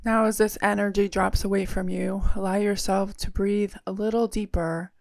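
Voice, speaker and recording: A woman guides a meditation in a soothing, unhurried way, leaving long pauses between phrases. Her voice stays level and has a gravelly fry in it. The recording is close and dry. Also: mid-range voice, little pitch movement, no echo.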